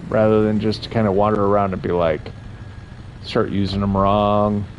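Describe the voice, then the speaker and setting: A gaming streamer, a young man, casually talks with his chat as he plays, wandering from thought to thought and amused at himself. The voice is fairly low and a little mellow, and the slightly dull audio carries faint game noise.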